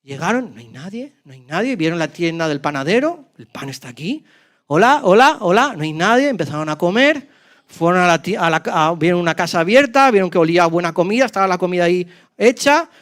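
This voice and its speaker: A male pastor tells a scripture story in church. His voice sits high and swings from loud, lively exclamations to sudden hushes. The delivery is dramatic and animated throughout. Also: quick pace. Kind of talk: sermon storytelling.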